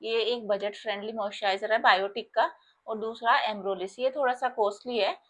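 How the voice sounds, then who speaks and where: A woman's voice: fairly high pitch, fairly even intonation, brisk. A young woman with an Indian accent walks through her makeup artist's kit in a casual, chatty way. She explains each product step by step and speaks straight to her viewers.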